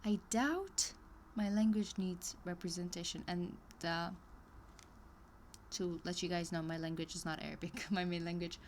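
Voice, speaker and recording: On a live stream, a woman with a lowish voice reads an online course aloud at a moderate pace, breaking off for chatty asides and little laughs. She sounds hesitant, with lots of ums and restarts, and a slight hiss or hum runs under the recording.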